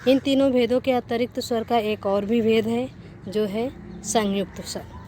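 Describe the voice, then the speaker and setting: Brief: female teacher, slow and deliberate, higher voice, spells out sounds, faint noise and crows behind. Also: steady tone, dark tone. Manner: repeats and corrects herself mid-sentence. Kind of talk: Hindi grammar lesson.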